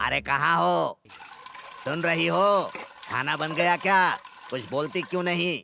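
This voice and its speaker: A man's voice: a little high, a little slow, vocal fry. A man dubbing a bossy, lazy husband and father who grumbles and nags. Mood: grumbling. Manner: grumbling, nagging. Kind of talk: Hindi film dub, comic.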